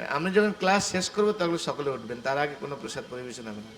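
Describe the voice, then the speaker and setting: A male preacher giving an animated devotional sermon, asking the gathering rhetorical questions. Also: mid-range voice, fast talker. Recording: echoey room with faint ambience.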